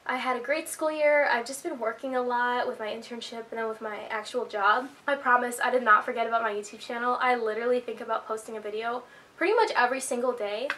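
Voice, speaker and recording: A twenty-one-year-old YouTuber chats to camera in a rambling life-update vlog, a little out of breath because she's been sick. Her voice sits on the high side, steady and fairly bright, and she talks fast with lots of filler. There's slight background noise.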